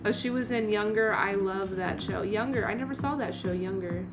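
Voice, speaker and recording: This mid-range female voice moves at a normal speed over background music. She's a livestream host in her late thirties, chatting casually with viewers in a rambling, exclamatory, informal style.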